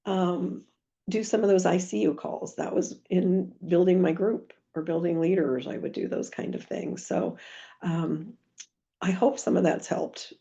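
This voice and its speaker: A woman's voice: lowish voice, fairly even intonation, unhurried, creaky, dull audio. A middle-aged woman on a video call, telling earnest stories of her business and team, with frequent restarts. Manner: warm anecdotal, earnest, many restarts. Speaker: guest speaker, team leader. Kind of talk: motivational storytelling on a team call.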